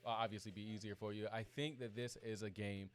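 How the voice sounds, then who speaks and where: A man with a lowish, level voice talks fast as an esports commentator, informal and easygoing, feeling his way through his phrases. Music plays in the background.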